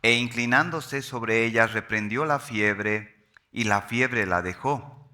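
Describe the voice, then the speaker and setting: A male pastor reads scripture aloud during a sermon, his voice bright and forward. He takes his time, lingering on the key phrases with slow, solemn weight. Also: medium pitch. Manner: measured, solemn reading with slow emphatic pauses.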